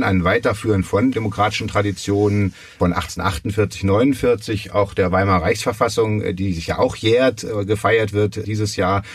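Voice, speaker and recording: Husky, academic German man, distant mic. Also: on the low side, no room sound. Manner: measured, academic, with frequent hesitations. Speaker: guest historian. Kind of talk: panel discussion.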